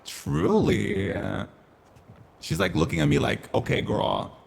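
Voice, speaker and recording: Guy on a voice changer doing stream commentary, gravelly and swoopy, campy and chatty, little hiss behind. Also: fairly low pitch, huge pitch swings, slow. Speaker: game streamer. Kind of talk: casual live-stream commentary.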